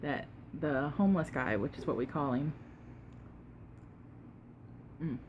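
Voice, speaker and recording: A woman tells a casual, unhurried story while eating, pausing to chew and sometimes talking with her mouth full, with emphatic retelling. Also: low voice, lively intonation, darkish tone, a little hiss or hum. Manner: unhurried, conversational, emphatic retelling with quoted exchanges. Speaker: mukbang vlogger.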